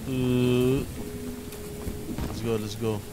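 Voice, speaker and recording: A young man from the Philippines doing casual let's-play commentary, taunting and yelling at the game and swearing as he plays. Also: mid-range voice, level tone, very slow, very noisy. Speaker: gaming video host. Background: loud game music.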